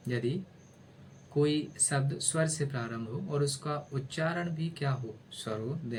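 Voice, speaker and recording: A man's voice: mid-range voice, gravelly, a little hiss or hum, poor audio. A man teaching a video lesson, spelling words out letter by letter, asking himself rhetorical questions and calling his listeners brother. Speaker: English teacher. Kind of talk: explaining grammar in a video lesson.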